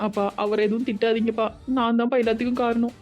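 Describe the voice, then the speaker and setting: A woman voicing a flat, pleading young bride. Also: fairly high pitch, fast, dull audio, soft background music, natural voice. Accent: Tirunelveli Tamil. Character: young bride pleading with her angry parents. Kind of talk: cartoon voice acting.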